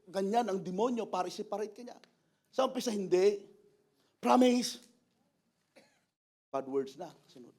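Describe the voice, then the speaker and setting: A male preacher delivering a lively Taglish sermon in church, acting out quotes with bursts of shouting and laughter. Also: sits high.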